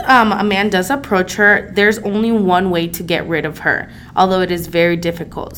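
A woman's voice: fairly low pitch, a bit bright. A young woman from El Salvador, a podcast co-host, telling folk legends in a casual, conversational way with many fillers. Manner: conversational, frequent um and you know fillers. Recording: faint background noise.

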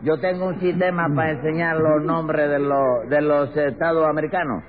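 An actor with a Cuban accent playing a boastful swindler who poses as an English teacher, stammering and bluffing in a 1950s-style radio comedy. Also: male voice, on the high side, fairly even intonation, normal speed, crowd noise, natural voice. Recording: tinny old radio broadcast.

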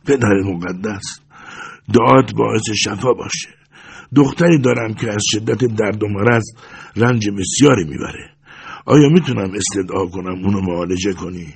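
A man voicing an emotional, passionate middle-aged merchant in an audiobook, with a loud, hoarse voice that swings between shouting and pleading. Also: on the low side, sing-song, heavily acted. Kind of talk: audiobook character voice.

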